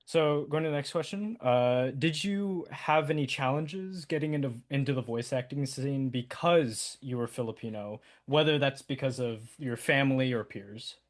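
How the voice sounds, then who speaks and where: A man's voice: medium pitch, moderate pace, few pauses. A man interviewing guests, reading out his questions plainly. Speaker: student interviewer.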